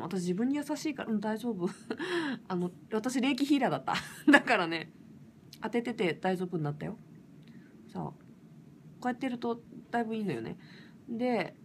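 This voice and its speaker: A woman singer from Fukushima chatting casually and roughly on a late-night livestream, laughing often. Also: medium pitch, slight background noise. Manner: lively, rough casual speech with frequent laughs.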